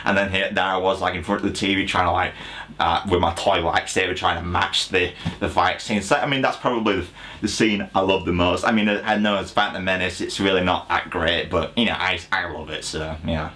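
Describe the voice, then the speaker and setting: A young man chatting casually to camera at home, answering questions from viewers. His voice is low and deep. He rambles, restarts often and makes fun of himself. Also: steady tone, fairly quick, pushed and bright. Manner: rambling, full of fillers and restarts, self-deprecating. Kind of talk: casual chat. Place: indoors at home.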